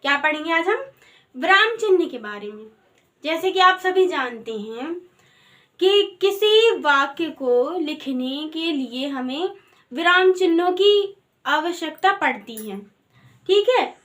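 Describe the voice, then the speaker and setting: High-voiced woman teaching slowly. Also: lively intonation, fairly bright tone. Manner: patient, asks questions then answers them. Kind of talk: Hindi grammar lesson.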